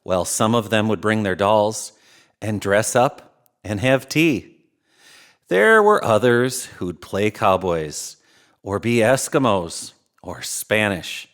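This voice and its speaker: Jolly old Santa Claus, acted by a man, kindly children's storyteller, unhurried, very lively intonation, emphatic phrasing. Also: fairly low pitch. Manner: exclaiming, chuckling, drawn-out emphatic phrasing. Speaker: host of a children's read-aloud show. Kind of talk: animated storybook reading for young children.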